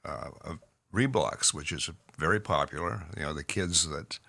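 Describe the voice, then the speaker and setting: A man with a Canadian accent co-hosting a podcast in casual chat, pausing often on fillers as he talks. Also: extremely low pitch, vocal fry, pushed and bright. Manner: halting, with many fillers. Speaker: podcast co-host, clinician.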